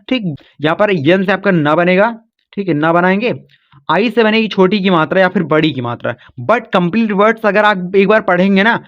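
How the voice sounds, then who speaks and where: A man teaching a patient, repetitive phonics lesson and calling his viewers children. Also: high voice. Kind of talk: classroom-style phonics lesson. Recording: dull lo-fi sound.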